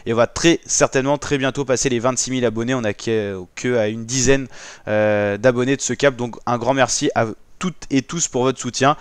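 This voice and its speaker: A man's voice: mid-range voice, smooth, dry recording. A man hosting a YouTube channel, giving casual vlog commentary in slangy, informal language and speaking straight to his viewers.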